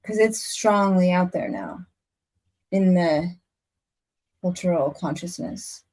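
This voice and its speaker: A woman's voice: lowish voice, takes it slowly, a little mellow. A woman hosting a casual podcast conversation, talking earnestly in long rambling stretches with frequent restarts. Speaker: podcast host. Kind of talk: casual chat.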